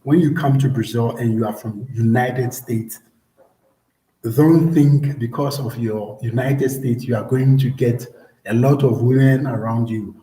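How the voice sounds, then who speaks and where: A man's voice: mid-range voice, fairly even intonation, a little slow, dark tone. Easygoing Ghanaian man, echoey room. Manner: easygoing, repeats words, many fillers. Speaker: vlogger answering viewer questions. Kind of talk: casual live-stream chat.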